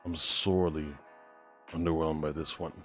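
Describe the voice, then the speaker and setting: Very deep-voiced man, casual reaction commentary. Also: level tone, normal speed, faint music behind. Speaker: host of a trailer reaction video.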